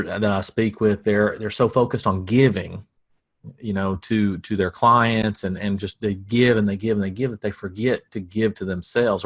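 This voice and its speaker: A middle-aged man with a Southern American accent teaches coaches about marketing, keeping it casual and folksy with self-deprecating jokes. His voice is on the low side.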